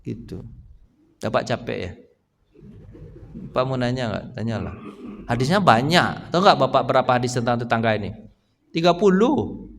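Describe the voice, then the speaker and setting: A man's voice: mid-range voice, lively intonation, moderate pace, vocal fry, long pauses, a little hiss or hum. A male Islamic preacher giving a casual morning study talk in a mosque, who keeps asking his congregation questions. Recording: echoey mosque hall with long reverb.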